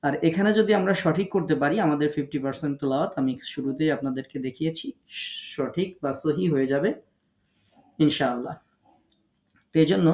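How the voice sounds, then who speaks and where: A man's voice: on the high side, darkish tone, reverberant. A man teaching an online class on how letters are pronounced, explaining patiently and step by step. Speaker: Quran recitation teacher.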